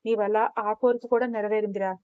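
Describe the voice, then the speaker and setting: A woman voicing a gloating, rough police sub-inspector in a story reading. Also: mid-range voice, fairly even intonation, fairly quick, no room sound, natural voice. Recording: dull, dry lo-fi recording.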